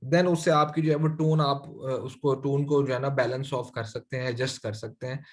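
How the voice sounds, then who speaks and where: A man's voice: mid-range voice, steady tone, moderate pace. A man teaching an online finance class, speaking Urdu-Hindi with many English phrases and frequent fillers. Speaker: finance instructor.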